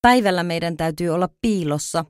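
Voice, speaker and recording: A woman voicing a gentle mother deer who calmly explains things to her fawn in a storybook reading. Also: fairly low pitch, clear, resonant tone, no room sound, studio quality, close to an everyday voice. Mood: patient. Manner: calm, explaining.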